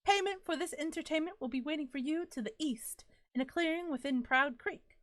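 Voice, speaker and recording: A woman's voice: high voice, brisk, fairly bright tone, no room sound, pitched above the performer's own voice. A woman reading as a grandiose disembodied voice. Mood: theatrical. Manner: ornate, theatrical old-fashioned phrasing. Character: grandiose mysterious disembodied voice, courtly. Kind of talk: reading game dialogue aloud.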